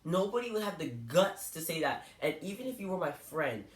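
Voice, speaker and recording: A man's voice: fairly high pitch, sing-song, brisk, background noise. A young man from Canada telling personal stories to camera in an earnest, hurt, candid way. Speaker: vlogger. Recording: echoey room.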